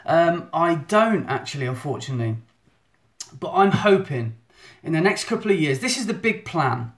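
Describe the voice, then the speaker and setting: A man's voice: on the high side, very animated, moderate pace. A photographer hosting a live Q&A on his phone, chatty and self-deprecating, with lots of restarts. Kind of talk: live stream Q&A chat. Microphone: phone in selfie mode.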